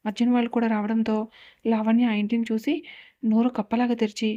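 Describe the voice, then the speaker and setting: A woman narrating a serialized story in a steady, even reading voice. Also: a little high, fairly quick, lo-fi sound.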